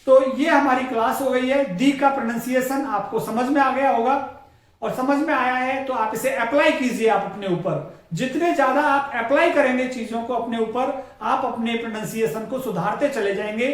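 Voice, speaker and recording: A man's voice: very high-pitched, normal speed. A man teaching English pronunciation in a classroom style, stressing words and repeating each example sentence. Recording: very echoey room, voice far from the mic.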